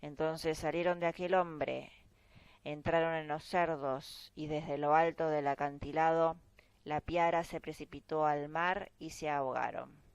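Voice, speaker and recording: A woman reading a Bible chapter aloud in a slow, measured way. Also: low-pitched, fairly even intonation, clear, resonant tone, dry recording, low-quality recording. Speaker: Bible reader. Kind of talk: scripture reading.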